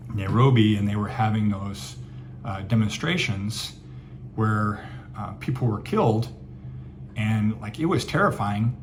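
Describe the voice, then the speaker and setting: Man, travel vlogger, low voice, rambling and candid, faint ambient hiss behind. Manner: chatty and candid, many fillers and asides, mildly sarcastic. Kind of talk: casual Q&A monologue.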